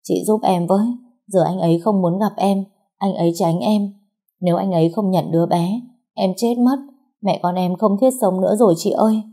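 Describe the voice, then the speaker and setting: A woman's voice: lowish voice, a little fast, dark tone, close to an everyday voice. A woman voicing a tearful, pregnant young woman who pleads with her older sister. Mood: tearful pleading. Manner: sobbing, pleading.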